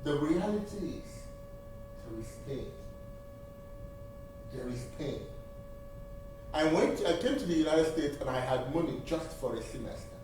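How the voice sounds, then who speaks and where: Warm-toned and on the high side, this man's voice swoops wildly in pitch as he speaks a little slowly with long pauses. A seminary graduate from Nigeria whose first language is Igbo, he has a Nigerian accent and offers an earnest church testimony and appeal, repeating key phrases for emphasis. The distant, roomy church sanctuary recording has slight background noise.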